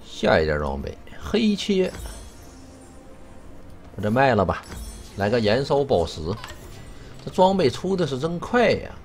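A man talks through a live game stream, his pitch swinging wildly from phrase to phrase. He mixes wry jokes with curses, and soft music plays faintly behind him. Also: moderate pace. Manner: animated, cursing, wry running commentary. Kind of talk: live gameplay commentary.

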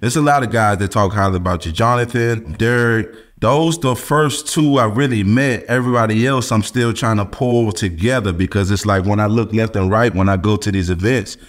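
Laid-back, low-voiced man guest. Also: fairly quick, hardly any pauses. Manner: laid-back, informal speech. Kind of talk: casual chat.

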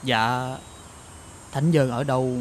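A man's voice: medium pitch, fairly even intonation, slow pace, noisy background, lightly acted. A man voicing a timid, deferential soldier in a cartoon, speaking. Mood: fearful. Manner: fearful, deferential. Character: timid male soldier servant of a mandarin.

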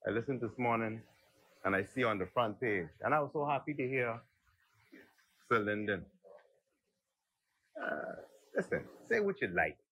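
Middle-aged Bahamian male MP, husky and pushed, folksy and heated, speaking on a desk mic in a legislative chamber. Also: sharp tone, poor audio. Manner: heated, folksy, rambling, swings up and down in pitch. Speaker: member of parliament. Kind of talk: impassioned parliamentary speech.

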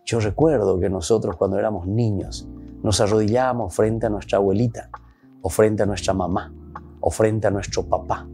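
A man's voice: lowish voice, fairly even intonation, normal speed, creaky, mellow, faint music behind. A Paraguayan priest preaching a sermon in Spanish mixed with Guarani, with emphatic rises in his voice. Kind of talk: sermon reflection.

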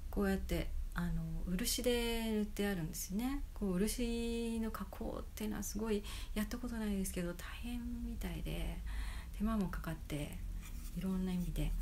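A woman flute player chatting casually to the camera about her bamboo flutes, with many fillers and soft, half-whispered asides. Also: fairly low pitch, a little hiss or hum.

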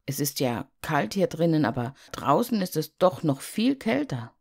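A woman voicing a brave, eager young boy in a fairy tale, speaking brightly and urgently. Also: deep voice, sing-song, normal speed, vocal fry, full character voice.

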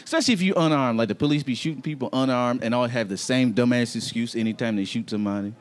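A young man doing a stand-up set on a comedy club stage, talking loud and animated into a handheld mic, swearing freely. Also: mid-range voice, fast.

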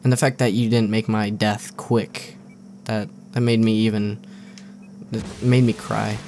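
A man's voice: fairly low pitch, little pitch movement, measured pace, a little mellow. A young man giving casual, joking, rambling commentary over his own gameplay, often sarcastic. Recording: faint gunfire and game noise behind.

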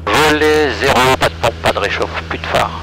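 A man's voice: medium pitch, normal speed. A male pilot talking through terse checks in a small aircraft cockpit. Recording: cockpit audio, loud engine noise. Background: aircraft engine noise.

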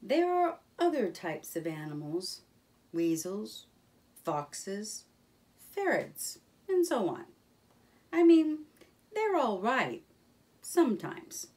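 A woman voicing a cheerful, proud male water rat in a children's storybook reading, in an animated character voice. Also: medium pitch, slow, pauses often, recorded from a distance, voice pushed up. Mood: cautious.

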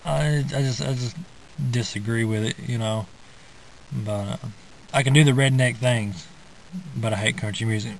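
A man's voice: medium pitch, moderate pace, gravelly, pauses often, slight background noise, poor audio. A young man vlogging from inside a parked car, rambling casually with lots of fillers and restarts, recorded on a camera held at arm's length. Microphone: phone or camera held at arm's length.

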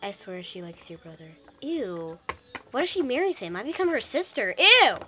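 A woman voicing a bossy, teasing girl in a toy skit, blunt and quick to complain. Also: on the high side, sing-song, sharp tone, a little hiss or hum. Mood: chattering. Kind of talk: toy skit role-play.

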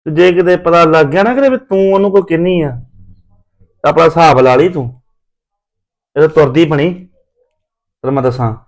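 A man's voice: on the high side, moderate pace, long pauses, natural voice. A man playing a young married son in a family comedy skit, who grumbles and defends himself. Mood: grumbling.

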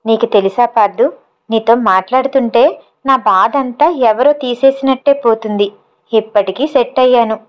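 A woman's voice: a little high, normal speed, lightly acted. Brief: young woman on a phone call, teasing and coaxing, voiced by a female storyteller.

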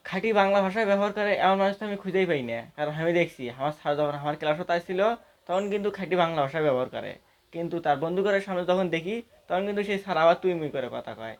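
A man from Bangladesh, giving a folksy, blunt debate speech. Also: on the high side. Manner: folksy and blunt, arguing for dialect.

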